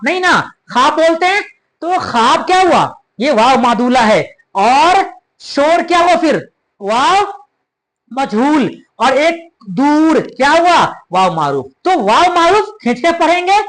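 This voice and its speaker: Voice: sits high, fairly bright tone, rough recording. A patient teacher giving a grammar lesson, who repeats key terms, draws out example words and talks to viewers as students. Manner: addresses viewers as students, calls them child. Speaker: Urdu teacher. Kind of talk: classroom-style grammar lesson.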